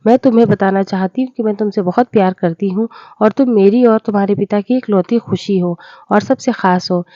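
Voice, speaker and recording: A woman plays a poor, aging village mother who is loving and tender in a storybook tale, her voice mellow and her delivery pleading. The sound is dry and a little dull. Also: mid-range voice, fairly quick, no room sound, close to an everyday voice. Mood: sorrowful. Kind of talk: storybook voice acting.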